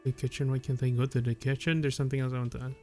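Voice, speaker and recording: A man's voice: mid-range voice, little pitch movement, racing, warm tone, soft background music. A man streaming a video game, reading dialogue choices aloud and joking casually with crude language. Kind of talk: casual gaming stream commentary.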